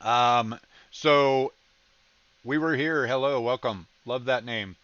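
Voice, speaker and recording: A man's voice: medium pitch, slow pace, fairly bright tone, clear, resonant tone, no echo, lo-fi sound. Man, livestream host, casual rambling chat, slight Southern accent, dry close sound. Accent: slight Southern American. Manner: rambling, many ums and restarts, laughs easily. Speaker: reaction streamer host.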